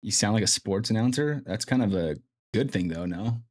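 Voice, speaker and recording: His voice sits on the low side with lively intonation at a normal speed as he hosts a casual stream. Chatty, he works through his mic and sound problems out loud, with in-ear monitoring on his streaming mic and faint background music.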